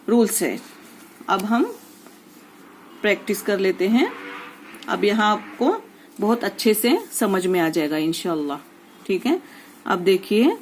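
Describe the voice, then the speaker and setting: Slow, patient woman teaching Quran reading. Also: mid-range voice, poor audio. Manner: patient, repeats rules and drills syllables slowly. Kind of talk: slow spoken lesson with drawn-out recitation.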